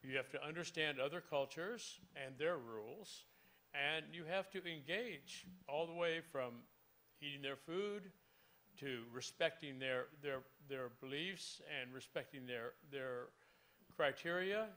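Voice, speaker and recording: Male panelist, bright and sharp tone, halting delivery with fillers. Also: on the high side. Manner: hesitant, many fillers. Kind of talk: panel discussion.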